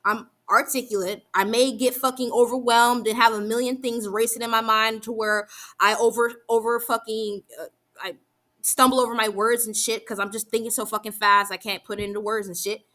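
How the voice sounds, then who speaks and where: Agitated, swearing young woman with a bright voice. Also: a little high, level tone. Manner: heated and profane, rapid run-on talk with restarts. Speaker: vlogger. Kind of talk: angry venting monologue.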